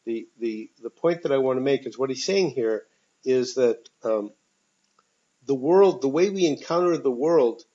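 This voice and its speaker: A man leads a discussion class through a speakerphone on a phone call. He is thoughtful and hesitant and fills his pauses with ums. His medium-pitched voice sounds dull and lo-fi over the line. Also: animated, mellow. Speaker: teacher. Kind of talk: leading a text discussion class.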